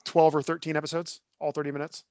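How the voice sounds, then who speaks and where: Casual male podcast co-host, slightly high, eager, stumbles into restarts, dry close sound. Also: flat delivery, quick pace, darkish tone, no echo. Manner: enthusiastic, restarts sentences often. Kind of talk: casual chat.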